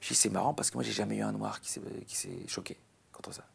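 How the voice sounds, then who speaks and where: A man, a comedian chatting in an interview, rambling and animated with many restarts. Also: lowish voice, fast, vocal fry, husky. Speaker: comedian guest. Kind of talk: casual interview chat.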